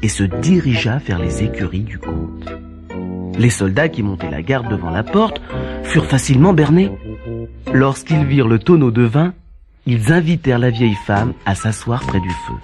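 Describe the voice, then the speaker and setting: A man reads a storybook tale as narrator. His delivery is animated and mid-pitched, with clear music behind him. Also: moderate pace.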